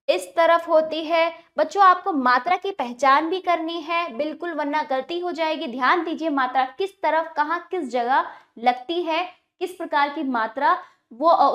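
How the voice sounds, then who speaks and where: Lady teacher w a high voice, patient, says words twice slow for the kids. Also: a bit bright. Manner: patient, repeats words slowly for children. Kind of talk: classroom lesson for children.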